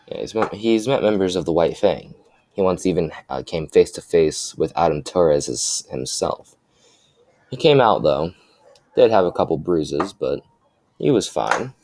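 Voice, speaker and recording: A young man improvising a fan-fiction story aloud, halting, with many restarts and fillers. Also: sits low, animated, a little mellow, no room sound.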